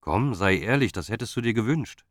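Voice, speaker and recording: A man's voice: fairly low pitch, expressive, fairly quick, dry recording, clean studio sound, pitched above the performer's own voice, close to an everyday voice. A male audiobook narrator voicing an earnest, hesitant young man on the phone. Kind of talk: audiobook character voice.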